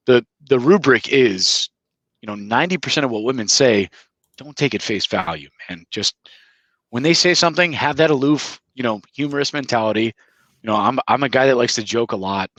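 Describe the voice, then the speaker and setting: A man's voice: medium pitch, fairly bright tone, no echo, low-quality recording. A man in a casual podcast chat, giving advice in an emphatic, lecturing way and often repeating words. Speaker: podcast co-host. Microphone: headphones with mic.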